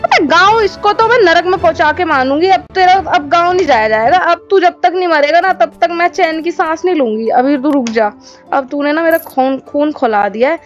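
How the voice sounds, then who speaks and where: A high-voiced woman commentating her gameplay with loud, playful trash talk, repeating her threats over and over. The audio is a little dull, with faint game music running underneath. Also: fairly quick. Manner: high-energy, exclaiming and repeating phrases. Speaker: gaming commentator.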